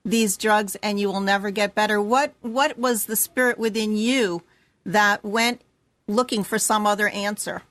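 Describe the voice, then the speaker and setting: A woman's voice: mid-range voice, steady tone, a little slow, a bit bright, dry recording. A woman hosting a casual interview, chatty and encouraging as she asks questions. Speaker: host.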